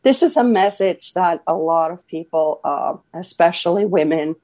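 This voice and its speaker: A woman's voice: lowish voice, moderate pace, warm tone. A woman, a guest talking earnestly in a casual interview, with many fillers and restarts. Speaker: podcast guest, author.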